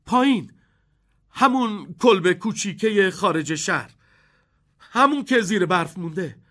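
Storybook little boy, high excited voice, a male reader putting it on. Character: poor young boy, eager and wide-eyed.

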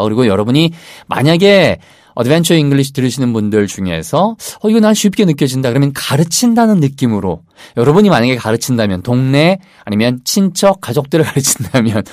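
A male English teacher with a Korean accent, his voice swinging up and down as he coaches listeners. He repeats short English phrases slowly, with a sing-song rhythm. The close recording is dry, with no room sound. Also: medium pitch, a little mellow, dry recording. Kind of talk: casual English lesson.

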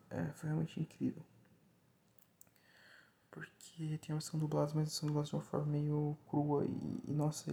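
A young Brazilian man whose hoarse voice is giving out, rambling casually and informally as a solo podcast host. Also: a little high, mellow. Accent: Brazilian Portuguese. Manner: informal, slangy, digressive.

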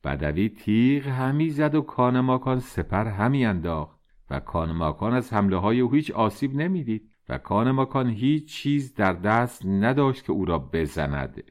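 A man's voice: lowish voice, big pitch swings. A man narrating a classic tale in a conversational retelling, with personal asides. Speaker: storyteller. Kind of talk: podcast storytelling in modern retelling.

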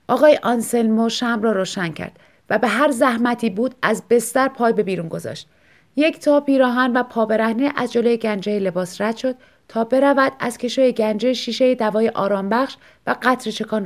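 A woman narrating a translated short story for an audiobook, with measured, expressive storytelling. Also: fairly high pitch.

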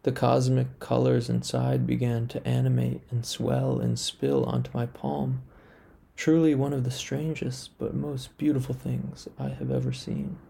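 A man telling an absurd first-person story in a deadpan, mock-solemn way. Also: medium pitch, unhurried, gravelly, husky.

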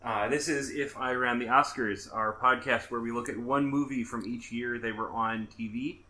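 A man from Minnesota hosting a casual podcast, chatty and quick with asides and self-corrections. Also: medium pitch, steady tone, pushed and bright. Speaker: podcast host.

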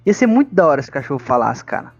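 A man's voice: mid-range voice, sing-song, rapid-fire, vocal fry, darkish tone, no echo, soft background music. A man co-hosting a podcast in casual chat, joking and bantering in a laid-back way. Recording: dull lo-fi podcast audio.

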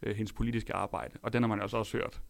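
Creaky-voiced man, blunt. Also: on the low side, steady tone, no room sound. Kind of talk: casual podcast chat.

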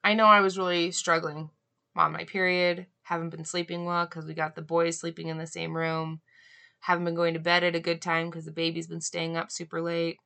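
A young woman hosting a solo podcast, talking earnestly and reflectively, often pausing on "um" and asking "right?", with an occasional cough. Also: lowish voice, level tone, gravelly, pushed and bright. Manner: earnest, musing, frequent "um" and "right?". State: coughing now and then. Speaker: podcast host.

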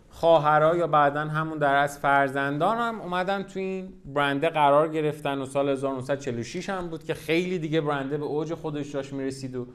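Man, podcast host, casual storytelling, lively, rhetorical questions, slightly high pitch.

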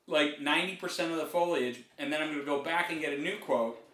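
A man's voice: fairly high pitch, fast, a bit bright. A middle-aged man co-hosting a comedy podcast, telling a rambling story with many restarts in casual chat. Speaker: podcast co-host. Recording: roomy echo.

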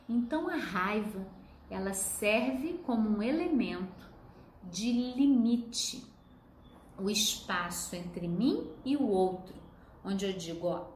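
A woman who hosts a self-help talk and gently guides viewers, speaking to them directly. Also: mid-range voice, slight background noise. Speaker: host, emotional wellness guide. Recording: roomy echo, faint ambience.

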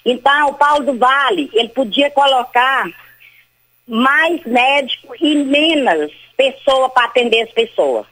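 A woman's voice: high-pitched, lively intonation, a little slow, fairly bright tone. An older woman calling in to a radio show over a phone line, making a rambling, insistent complaint and repeating herself. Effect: heard over a phone line. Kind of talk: call-in complaint.

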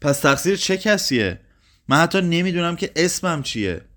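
A frantic old woman, confused and accusing, her voice pushed up high and loud as she cries out in a strained, pleading way, put on by a male storyteller. She sounds like a figure in a spoken story, reaching well above a man's normal speaking register. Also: big pitch swings. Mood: angry. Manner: shouting, pleading, raised and strained. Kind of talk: read-aloud story.

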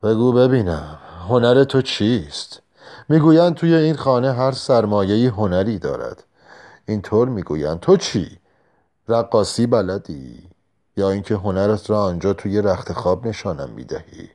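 Guy voicing a drunk rough soldier, slow heavy talk, low mellow voice. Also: lively intonation, lightly acted. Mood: mocking. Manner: slow, heavy-tongued musing. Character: drunk, war-hardened male soldier, brooding and rough.

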